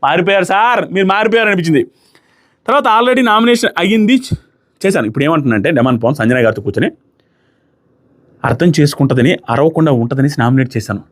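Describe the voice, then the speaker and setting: Fast-talking man reviewing a show. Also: on the high side. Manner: fast animated retelling, acting out quotes. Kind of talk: casual commentary.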